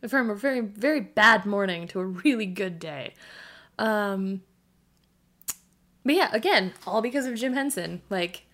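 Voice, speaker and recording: A woman's voice: mid-range voice, lively intonation, a little slow, long pauses, fairly bright tone. A woman in her thirties co-hosting a podcast, telling a story in casual chat, laughing often and acting out quotes. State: hiccups. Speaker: podcast co-host.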